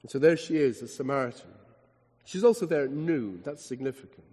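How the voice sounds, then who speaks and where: A man preaching a sermon as dramatic storytelling, swinging between emphatic lines and hushed asides. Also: medium pitch, lively intonation, brisk, husky, in a large hall.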